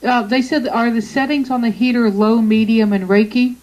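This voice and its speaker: A woman hosts an interview show, her voice sitting a little high for a woman's. She keeps things chatty and loose, laughs easily, and strings her questions together in long, winding turns. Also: fairly even intonation, moderate pace, darkish tone, muffled recording. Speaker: show host. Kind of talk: conversational interview.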